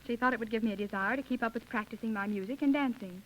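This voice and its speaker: A contest winner, eighteen and from the United States, responds very fast in a high-leaning voice during a scripted radio interview from the 1930s. The sound is dull and full of hiss.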